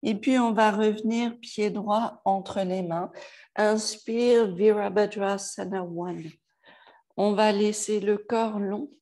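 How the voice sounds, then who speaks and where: A woman guiding a yoga class, giving slow, calm cues and softly counting breaths. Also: medium pitch. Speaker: yoga teacher. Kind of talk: guided yoga class instruction.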